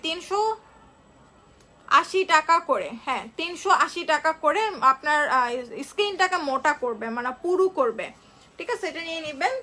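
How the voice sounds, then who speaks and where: A woman from Bangladesh, unwell, selling products on a phone live stream. She talks slowly and chattily, repeating prices and answering viewers. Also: extremely high pitch, bright, forceful tone. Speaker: online shop seller. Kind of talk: live-stream sales pitch.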